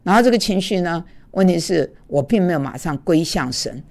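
A woman telling a personal story in a casual devotional talk, animated and chatty, with many fillers. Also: fairly low pitch, a little fast.

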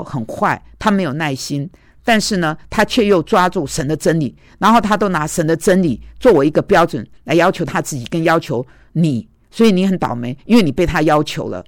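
A woman's voice: low voice, no echo, clean studio sound. A woman preacher giving a conversational, storytelling sermon, recounting arguments and dialogues from her own life.

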